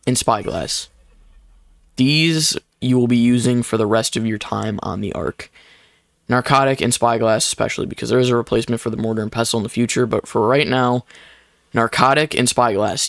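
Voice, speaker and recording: A man's voice: medium pitch, gravelly. A young man giving casual, chatty commentary while playing a survival game, explaining each step with plenty of fillers. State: short of breath at times. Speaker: gaming YouTuber. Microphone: desk microphone.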